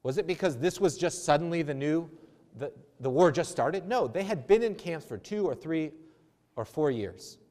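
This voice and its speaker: In a chapel with long reverb, a theology lecturer giving a talk answers audience questions conversationally, wandering, restarting often and making self-deprecating asides. His voice is fairly high and lively, at normal speed, slightly mellow.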